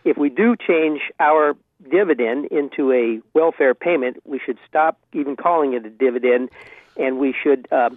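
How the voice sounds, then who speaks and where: A man calling in to a talk radio show over a landline phone, giving his opinion in an earnest, halting way with many restarts and fillers. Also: mid-range voice, dry recording, narrow, tinny audio. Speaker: radio call-in caller.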